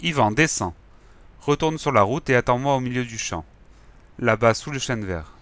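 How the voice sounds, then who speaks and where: A man's voice: mid-range voice, expressive, normal speed, fairly bright tone, no echo, natural voice. Lougri, a man voicing a loyal wise wolf. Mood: firm.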